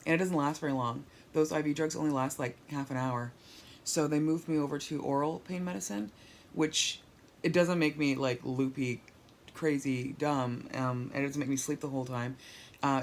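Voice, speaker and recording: A woman with a bass voice, weak and sore from surgery, keeps a casual video diary at home, talking in a rambling, candid and wry manner. She records on a tablet held overhead as she lies down, and a faint hiss or hum can be heard.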